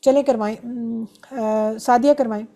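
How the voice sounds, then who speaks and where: A woman's voice: on the high side, steady tone, mellow. A woman teaching an online grammar class, explaining patiently step by step and drilling verb forms.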